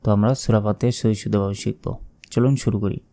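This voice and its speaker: A man with a Bangladeshi Bengali accent teaching correct Quran recitation, explaining slowly and deliberately with drawn-out chanted examples. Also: fairly low pitch, steady tone, gravelly, warm tone. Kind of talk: religious recitation lesson.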